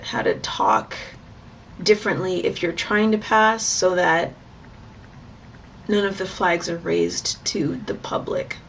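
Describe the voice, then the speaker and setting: A young woman vlogs in a frank, chatty way, her voice carrying a gravelly fry. A faint hiss of noise sits under the recording. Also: mid-range voice, a bit bright. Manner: frank, chatty, with bursts of laughter. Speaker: vlogger. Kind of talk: casual candid vlog monologue.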